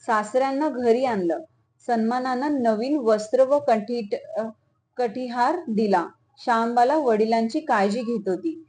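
A woman's voice: a little high, a little mellow. A woman reading a devotional folk tale aloud as storyteller, often restarting and correcting herself. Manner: reads with frequent small restarts and self-corrections.

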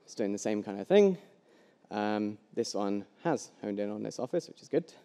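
Speaking at a moderate pace with lively intonation, this young conference speaker has a smooth, lowish, dark voice. He delivers a casual live coding meetup talk through a headset mic, stumbling over ums and restarts, while the big hall around him adds long, echoey reverb.

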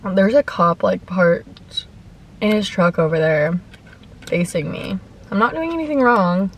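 A woman's voice: medium pitch, lively intonation, measured pace. A young woman telling a story in casual chat between bites of food, peppering her talk with "like", recorded in a parked car. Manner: chatty, heavy use of "like", talks between bites. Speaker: mukbang vlogger. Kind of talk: casual storytime while eating. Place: parked car in a parking lot.

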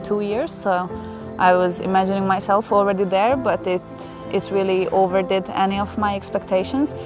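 A young Hungarian woman with a mid-range voice tells her personal story in an interview, earnest, emotional and chatty with fillers. She is outdoors in a forest, with a clear music bed playing beneath her voice.

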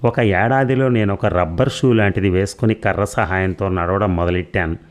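Low-voiced man narrating an audiobook. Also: normal speed.

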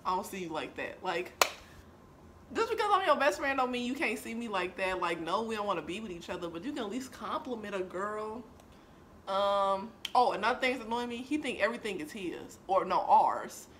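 Young woman, playful chatty vlogger, bright voice, very animated pitch. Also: brisk, a little hiss or hum. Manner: chatty, playful, lively storytelling. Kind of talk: casual chat. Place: apartment.

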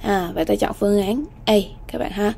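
A woman teaching an English exam-prep lesson, slowly repeating English words and often checking in with students. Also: medium pitch, steady tone, creaky, mellow, husky.

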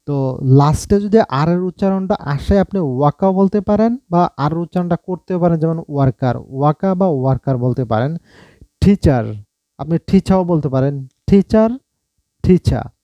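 A man with a Bangladeshi Bengali accent teaching a vocabulary lesson, saying each word and repeating it slowly. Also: a little high, dark tone, dry recording, lo-fi sound. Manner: slow repetitive drilling of words. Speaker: English teacher.

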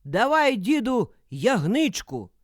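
A woman doing a loud, greedy wolf. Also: a little high, big pitch swings, slow pace, no room sound, studio quality, voice pushed up, full character voice. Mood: singing demand. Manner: shouting, singsong demands. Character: loud hungry male wolf, threatening.

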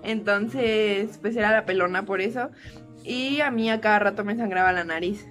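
A young woman with a Mexican Spanish accent telling a storytime vlog, animated and laughing often as she acts out the quotes. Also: medium pitch, moderate pace, soft background music. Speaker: vlogger.

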